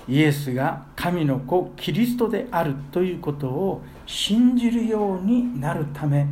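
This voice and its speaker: Pastor, male, preaching sermon; earnest, leans hard on key lines, a touch high-pitched, faint background hiss. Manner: earnest, swells loudly on key phrases.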